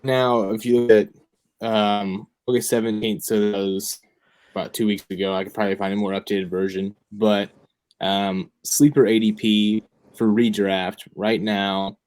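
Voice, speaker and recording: A man's voice: fairly low pitch, flat delivery, a little slow, a little mellow. A young man co-hosting a fantasy football talk show, chatting casually and thinking aloud with lots of fillers. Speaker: fantasy football podcast co-host. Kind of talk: casual chat.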